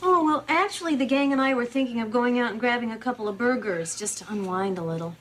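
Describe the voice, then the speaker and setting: A woman's voice: fairly high pitch, fast talker, lightly acted. An actress playing a cheerful, friendly mother who is studying law, in a sitcom. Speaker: mother and student. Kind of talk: sitcom acting. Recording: noisy TV sound with loud studio laughter.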